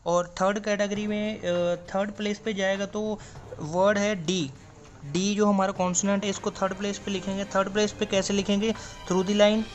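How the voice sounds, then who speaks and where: A man's voice: high voice, little pitch movement, moderate pace, faint music behind. A man explaining a stenography lesson step by step, drawing out example words and answering his own questions. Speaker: stenography teacher. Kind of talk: classroom explanation.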